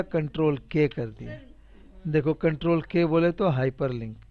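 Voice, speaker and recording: A computer teacher with a somewhat high, slightly raised male voice leads a casual spreadsheet tutorial, saying each step aloud more than once. He's chatty and repetitive, teasing his students playfully while encouraging them. The recording sounds dull and lo-fi.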